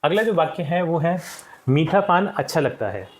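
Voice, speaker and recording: A man's voice: a little high, big pitch swings, moderate pace. Patient male teacher explaining a lesson. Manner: patient, repeats answers and checks with "ठीक". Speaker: school teacher. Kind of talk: explaining a textbook lesson to children.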